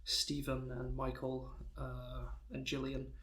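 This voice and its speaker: A young man co-hosting a podcast, joking deadpan in a rambling, casual way with plenty of filler words. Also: medium pitch, slow pace. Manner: rambling, deadpan jokes, frequent "um" and laughter. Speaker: podcast co-host. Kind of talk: casual comedic chat.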